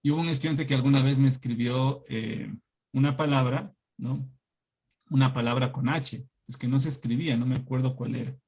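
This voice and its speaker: A man's voice: medium pitch, steady tone, brisk, darkish tone. A middle-aged man from Ecuador teaching an online class, telling anecdotes in a chatty way and often asking "¿no?".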